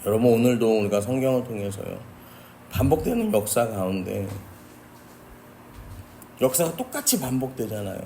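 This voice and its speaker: Male pastor, earnest sermon delivery addressing the congregation, mid pitch, faint background noise. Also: very animated, normal speed, pauses often, warm tone. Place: church sanctuary.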